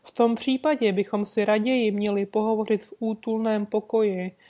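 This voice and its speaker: A woman reading an audiobook, voicing a composed, courteous gentleman detective who speaks calmly and sweetly insists. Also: mid-range voice, natural voice. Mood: suave. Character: composed, suave gentleman detective, adult man.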